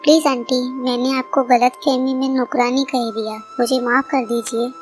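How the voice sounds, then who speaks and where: A woman's voice: sits high, level tone, moderate pace, soft background music, close to an everyday voice. A woman voicing a kind, sensible young female pigeon in a cartoon, speaking earnestly and politely.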